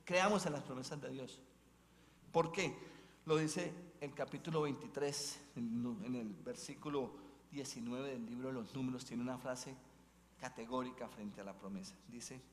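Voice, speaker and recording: A Colombian bishop preaches an Advent mission sermon in a church, his medium-pitched voice moving at a moderate pace through long church reverb and a little hiss or hum. He tells stories as he goes and keeps tagging sentences with questions to the congregation.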